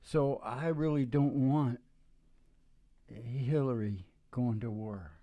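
On a small curtained indoor stage, an older singer and music podcast host chats casually into a stand-mounted stage mic, rambling and joking with plenty of chuckles. His mid-range voice is warm and slow, with acoustic guitar in the background.

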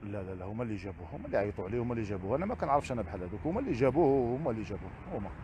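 A man with a Moroccan Arabic accent, answering interview questions as a father, halting and repeating the same phrases. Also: on the low side, sing-song, slight background noise. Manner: repetitive, halting, keeps circling back to set phrases. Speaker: interview guest, father seeking custody.

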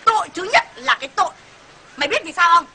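A woman playing a coarse, bullying husband who shouts threats at his wife in a comedy sketch. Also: extremely high pitch, animated, fast, very noisy. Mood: ranting.

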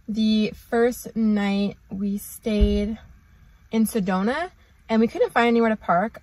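A woman's voice: mid-range voice, a little mellow, dry recording. A woman, chatting casually to a camera from the seat of her parked car, rambling with lots of "like" and "um". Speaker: vlogger. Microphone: camera on dashboard.

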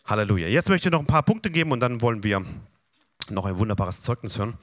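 A man preaching a sermon with animated delivery, leading the congregation through slow recitation of scripture. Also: lowish voice.

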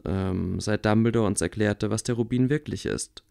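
A man reading aloud, voicing a calm, wry blind boy wizard who speaks quietly. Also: on the low side, moderate pace, vocal fry. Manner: quiet, level.

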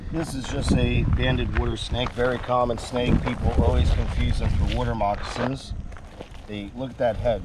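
A man in his thirties hosting a casual outdoor vlog on a dark rural road at night, chatty and excited, talking to the snakes he finds. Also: mid-range voice. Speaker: fishing channel host. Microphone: action camera. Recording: noisy outdoor camera audio.

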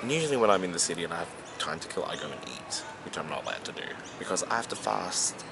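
A man's voice: low voice, very animated, quick pace, gravelly. A man in his twenties chatting casually to a handheld camera as a vlogger. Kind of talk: casual vlog talk. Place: outdoors on a city street. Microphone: handheld camera at arm's length. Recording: noisy outdoor camera audio with vehicle ambience.

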